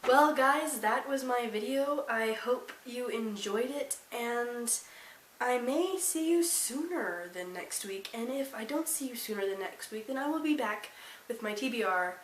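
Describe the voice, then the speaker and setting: A woman's voice: a little high, animated, unhurried. Teen girl book vlogger, rambling and casual, echoey room. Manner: chatty, rambling, self-deprecating asides. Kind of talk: casual monthly reading wrap-up. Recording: roomy, slightly distant, faint hiss.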